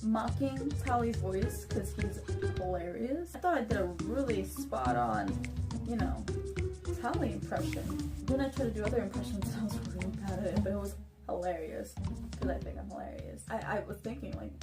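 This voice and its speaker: Woman, vlogger, giggly, self-mocking, lively, music behind. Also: medium pitch, moderate pace. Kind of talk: casual impression vlog.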